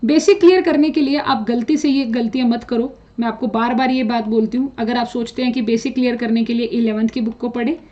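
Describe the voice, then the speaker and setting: A woman's voice: fairly high pitch, fairly even intonation, a little fast, hardly any pauses. A woman chemistry teacher giving students direct, no-nonsense exam preparation advice, slipping English phrases into her talk. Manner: direct, scolding, mixes English phrases into speech. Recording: dull lo-fi sound.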